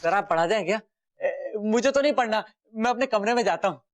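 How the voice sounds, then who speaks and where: A man's voice: high voice, expressive, brisk. An actor playing a timid young man who is terrified of teachers, stammering and pleading in panic. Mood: panicky. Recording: sitcom audio with loud background music.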